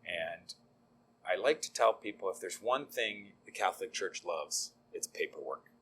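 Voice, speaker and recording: Lively intonation and a low, slightly bright voice mark this guest, a middle-aged deacon telling his faith story at a moderate pace. He's easygoing and self-deprecating, saying um often, and a little hiss or hum is audible.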